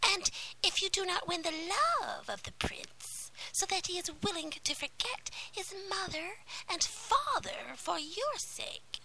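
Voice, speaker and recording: A woman voicing a scheming old female sea witch in a whispered role-play fairy tale, shrill and drawn out. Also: lively intonation, slow pace, creaky, pushed and bright, a little hiss or hum, full character voice, low-quality recording. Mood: demanding.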